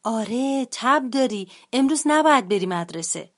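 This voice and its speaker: A woman voicing a caring, busy mother bear in a storybook, speaking softly and reassuringly. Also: on the high side, expressive, close to an everyday voice. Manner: soft, reassuring.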